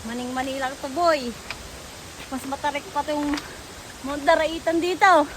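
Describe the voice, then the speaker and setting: A woman vlogging excitedly on a rocky waterfall hike, often out of breath. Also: high voice, unhurried, background noise. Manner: excited, exclamatory, mixing in English. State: out of breath from hiking. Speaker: travel vlogger. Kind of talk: travel vlog narration. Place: outdoors at a waterfall on rocky trail. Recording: loud waterfall roar behind voice.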